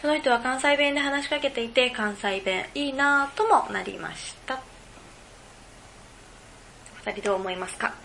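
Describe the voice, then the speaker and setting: Woman, podcast host, rambling casual chat, giggly, bright voice, echoey room. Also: high-pitched, a little fast, gravelly, slight background noise. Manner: rambling, giggly, thinks aloud.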